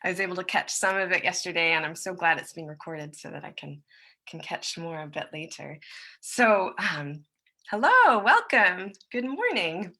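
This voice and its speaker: A woman's voice: lowish voice, big pitch swings, moderate pace, sharp tone. An American woman giving a friendly, chatty conference presentation over a video call, with plenty of loose fillers. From United States. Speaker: presenter, musician and songwriter.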